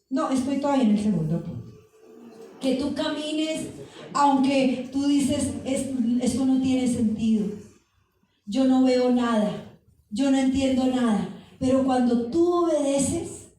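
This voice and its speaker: A woman's voice: a little high, mellow, slight background noise. A woman preacher giving a fervent sermon, speaking directly to her congregation in a church. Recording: echoey hall from far off.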